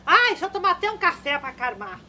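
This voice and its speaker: A high-pitched, bright old granny who gets flustered and fussy in rustic country speech. Her voice leaps all over the place as she fusses. It is a comedy sketch character. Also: sing-song, quick pace, a little hiss or hum, heavily acted. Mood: flustered, indignant. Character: nagging elderly countrywoman granny, easily flustered.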